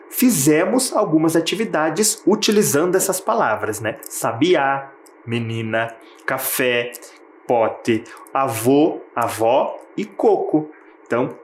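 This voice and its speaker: A man with a Brazilian Portuguese accent teaches schoolchildren on television in a patient, explanatory way, often turning to the viewer with questions. His voice sits at an ordinary pitch for a man. The recording is roomy and echoey, with a faint hiss underneath. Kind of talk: televised lesson for children.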